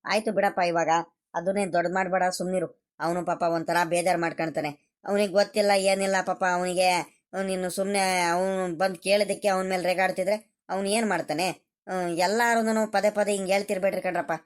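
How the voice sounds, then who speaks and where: A woman voicing a gentle grown child of a village family in a cartoon, a peacemaker. She speaks in a pleading, soothing way, repeating her calls. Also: fairly low pitch, fairly even intonation, brisk, natural voice. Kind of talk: cartoon voice acting.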